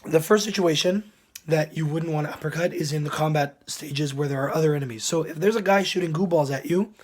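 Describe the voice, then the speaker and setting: Male game vlogger, a little high-pitched, hoarse and under the weather, casual delivery with throat clearing. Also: brisk, darkish tone. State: hoarse, sick, losing his voice. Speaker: video game reviewer. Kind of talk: casual commentary to viewers.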